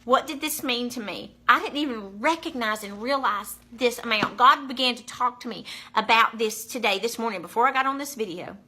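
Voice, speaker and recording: A woman's voice: fairly high pitch, fairly quick, few pauses, sharp tone. A woman telling a personal faith testimony in a casual, emphatic way, repeating key numbers for effect. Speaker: vlogger sharing a faith testimony.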